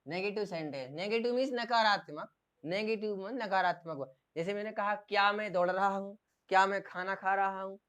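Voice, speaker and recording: English teacher guy, clean smooth voice, keeps asking the class the same thing over and over. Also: high-pitched, a little fast, a bit bright. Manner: drills by asking and repeating questions. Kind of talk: classroom grammar lesson.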